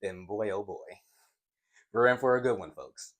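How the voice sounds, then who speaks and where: A man's voice: fairly low pitch, normal speed. A man teaching trading at a whiteboard in a casual way, who stutters and talks straight to his viewers. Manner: stutters when excited, talks to viewers as guys. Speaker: trading coach.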